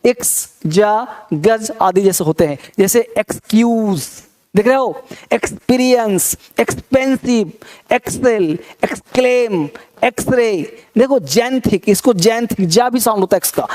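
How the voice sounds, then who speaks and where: Man, from India, English teacher, slow word-by-word drilling, pronunciation lesson. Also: high-pitched, darkish tone.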